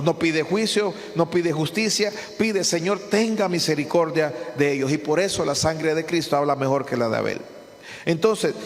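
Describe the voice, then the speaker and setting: High-voiced pastor preaching. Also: male voice. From Honduras. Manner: preaching with rhetorical questions and repetition; frequent restarts and stumbles. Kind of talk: sermon. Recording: long reverb of a hall.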